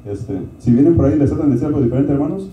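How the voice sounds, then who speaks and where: A man's voice: fairly high pitch, expressive, very fast, a little hiss or hum. A middle-aged man preaching a conversational sermon. He keeps asking the congregation "right?" and calls them "brothers". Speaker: pastor. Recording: distant, roomy, dull lo-fi sound.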